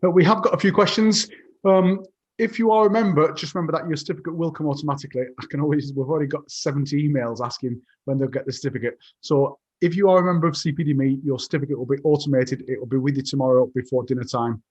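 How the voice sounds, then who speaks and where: A man's voice: on the high side, steady tone, quick pace, darkish tone, slightly rough. Enthusiastic man, dull audio. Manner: enthusiastic, rambling with restarts. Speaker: webinar host. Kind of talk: webinar hosting and announcements.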